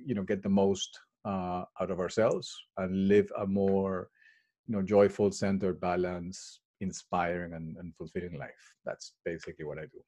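A middle-aged Peruvian man, a well-being consultant and coach appearing as a guest, answers interview questions about his work in a low-pitched, dark voice. He sounds hesitant, with lots of fillers and restarts.

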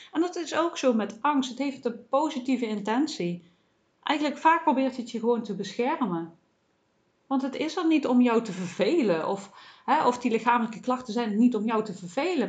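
Gentle, reassuring woman podcaster. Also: fairly high pitch, dull audio. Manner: gentle and reassuring, with frequent "hè" tags and fillers. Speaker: podcast host. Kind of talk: casual self-help podcast monologue.

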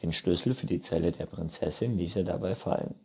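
A man's voice: deep voice, a little fast, a little mellow, breathy edge. A man reading a children's book aloud in a playful storytelling manner. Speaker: reader.

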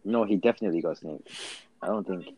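A man's voice: low voice, quick pace, husky, highs cut off. A young man with a London roadman accent chatting casually in slang, often repeating his phrases. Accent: London, urban roadman slang. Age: young adult. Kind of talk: casual group chat.

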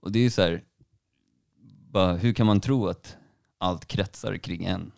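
A man's voice: deep voice, creaky, darkish tone, no room sound, clean studio sound. A young man chatting casually in a laid-back, slangy way. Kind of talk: casual chat.

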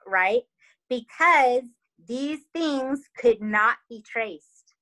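A young adult woman casually telling a true crime story, animated and dramatic, peppering her talk with "like" and "right?". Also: a little high, drawn-out words, poor audio.

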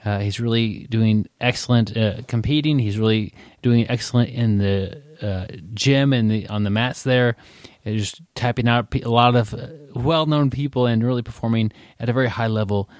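A man's voice: mid-range voice, moderate pace, a little mellow, no room sound, clean studio sound. A man hosting a casual podcast, talking in a rambling way with many fillers and restarts. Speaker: podcast host.

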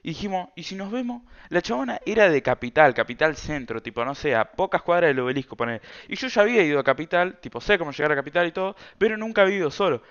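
A young man with a Rioplatense Argentine accent chats through a personal story for his podcast. His voice sits fairly high and sounds smooth and clean. The talk is loose and slangy, and the recording is a little dull and lo-fi. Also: animated, quick pace, hardly any pauses, a bit bright. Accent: Argentine Rioplatense Spanish. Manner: rambling, slang-heavy, chatty. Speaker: podcast host. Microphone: self-recorded camera setup.

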